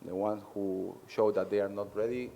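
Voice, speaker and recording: This Argentine head coach, Spanish being his first language, takes press questions in faltering English full of pauses. The voice is fairly low and creaky, dark in tone and steady.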